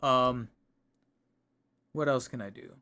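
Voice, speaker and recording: A male streamer with a mid-range, clear, resonant voice and a sharp tone speaks slowly in a casual livestream chat. He rambles and corrects himself, sounding more tired over time, recorded at home on a desk microphone.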